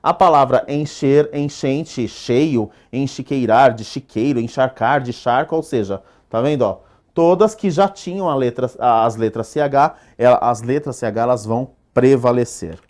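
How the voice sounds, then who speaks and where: A Brazilian man teaching an exam-prep lesson at a middle pitch. He states rules slowly with heavy stress and keeps asking rhetorical check-in questions. He sounds like he is speaking in a classroom or studio on a lapel mic. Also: darkish tone. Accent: Brazilian Portuguese. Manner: drills rules with rhetorical questions, asks "perfeito?" often; slow, stressed delivery when stating rules.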